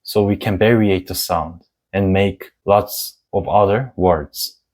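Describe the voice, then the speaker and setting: Slow-speaking Korean man teaching. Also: low voice, steady tone, darkish tone. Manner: slow, deliberate explaining with spelled-out letter sounds. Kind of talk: casual online lesson.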